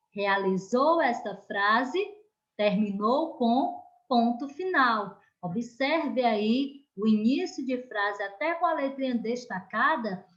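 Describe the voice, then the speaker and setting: A woman's voice: fairly high pitch, fairly bright tone, muffled recording. A woman teacher with a Brazilian Portuguese accent, giving an online lesson to young pupils in a careful, emphatic way. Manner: slow, careful, emphatic classroom delivery.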